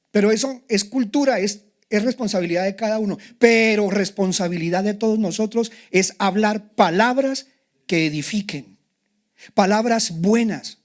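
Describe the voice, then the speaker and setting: Older male pastor, high voice, emphatic confessional sermon.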